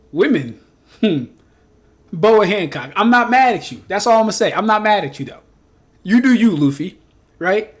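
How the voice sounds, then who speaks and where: A young man with a high, lively voice hosts a live stream, answering chat with teasing banter. He repeats his punchlines in rhythmic riffs and laughs often. He sounds casual and playful throughout.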